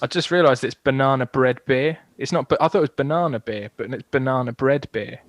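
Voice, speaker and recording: A man's voice: medium pitch, brisk, dry recording. A man co-hosting a podcast in casual comic chat, with matey, sweary banter. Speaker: podcast co-host.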